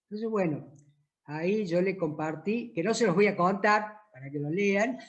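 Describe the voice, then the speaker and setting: High-voiced Argentine priest telling anecdotes. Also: male voice, normal speed, muffled recording. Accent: Argentine Spanish. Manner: anecdotal, acts out dialogue with lively pitch jumps. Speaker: priest and author. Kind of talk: storytelling at a book presentation.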